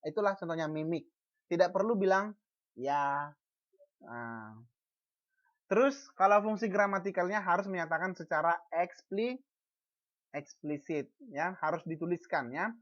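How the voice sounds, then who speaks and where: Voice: mid-range voice, lively intonation, moderate pace, lo-fi sound. A teacher giving an online class lecture, asking the class questions and answering them, with frequent false starts and repeated syllables. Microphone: video call.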